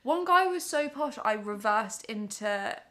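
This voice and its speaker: A young Englishwoman with a posh home counties accent and a bright, forward voice. She chats casually and confessionally, with a wry, self-deprecating manner. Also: on the high side, expressive, unhurried. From Surrey, England.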